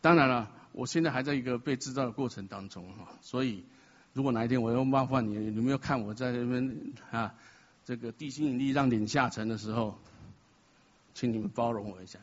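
Husky-voiced man giving an emotional testimony. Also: mid-range voice, brisk. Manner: emotional and confessional, with self-mocking humor. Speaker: church member sharing a testimony. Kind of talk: personal testimony at a church gathering. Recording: dull sound in a reverberant hall.

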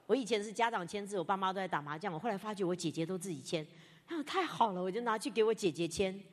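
A woman's voice: medium pitch, racing. A woman pastor preaching a sermon, telling candid, self-mocking stories from her own life. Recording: long reverb, as in a hall.

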